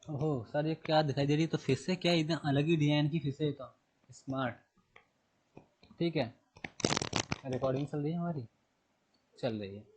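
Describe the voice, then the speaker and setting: A man's voice: a little high, normal speed, pauses often, darkish tone, a little hiss or hum, poor audio. A man teaching a general knowledge lesson, asking and answering his own questions, repeating terms and spelling words letter by letter. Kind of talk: recorded classroom lesson.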